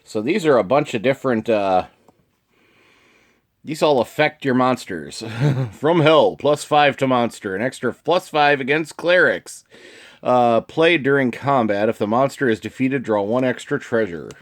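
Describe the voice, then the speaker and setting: A man's voice: mid-range voice, unhurried. A man hosting his own channel, casually reading card text aloud with short asides and chuckles. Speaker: channel host reviewing card game cards.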